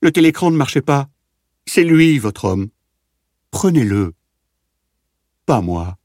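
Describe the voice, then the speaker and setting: A man's voice: animated, fairly quick, breathy edge, dry recording, clean studio sound. Man doing a frantic starving prisoner. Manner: desperate begging, shrill. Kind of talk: audiobook reading.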